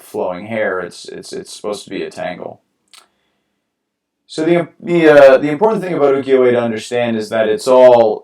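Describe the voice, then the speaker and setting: A man's voice: fairly low pitch, darkish tone, distant mic. A young man from New York, casually rambling with many fillers and restarts as he paints on a live stream. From New York, USA. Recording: roomy sound from away from the mic.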